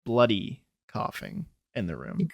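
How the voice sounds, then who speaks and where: A man's voice: on the low side, sing-song, a little slow, gravelly, breathy edge, dry recording. A man running a tabletop horror game as game master, narrating with lots of fillers and loose, rambling phrasing. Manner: rambling, filler-heavy, chuckling.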